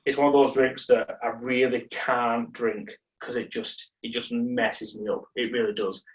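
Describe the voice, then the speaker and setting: A man's voice: medium pitch, little pitch movement, unhurried, roomy sound, recorded from a distance, poor audio. A young man co-hosting a podcast, telling a story in a rambling, self-mocking way with many restarts. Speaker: podcast co-host. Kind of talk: casual chat, storytelling.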